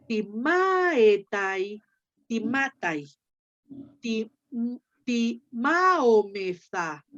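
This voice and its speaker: A woman teacher with a Mexican Spanish accent giving a lecture, patiently spelling out word forms slowly and repeating them. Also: fairly high pitch, dull audio. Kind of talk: lecture on ancient Greek verbs.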